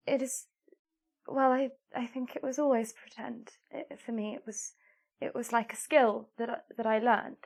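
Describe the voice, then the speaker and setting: A woman playing a shy, anxious young lady of the Regency era, stammering and halting. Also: fairly high pitch, steady tone, gravelly. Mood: nervous. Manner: hesitant, stammering, halting restarts.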